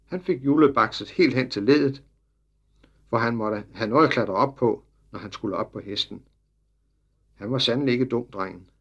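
Man, storybook narrator, mid-pitched voice, lively, low speech tags. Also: lo-fi sound. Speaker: audiobook narrator.

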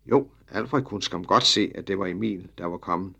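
A man's voice: vocal fry, muffled recording. Man narrating a children's storybook. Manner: warm, lively storytelling, dropping low for tags. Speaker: audiobook narrator.

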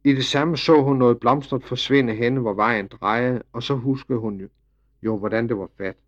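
Man narrating a storybook, slightly dull sound. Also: mid-range voice. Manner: lively, expressive storytelling. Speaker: audiobook narrator.

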